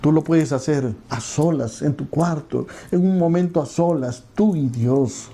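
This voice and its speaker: A man preaching as a pastor, telling a personal story earnestly and leading into a hushed prayer. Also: on the high side, unhurried, a little hiss or hum. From Peru.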